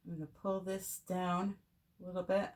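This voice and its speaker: A woman's voice: lowish voice, little pitch movement, normal speed. An American woman with a chatty, easily amused manner, narrating her acrylic pour painting in a casual video. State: recovering from illness. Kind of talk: casual art tutorial narration.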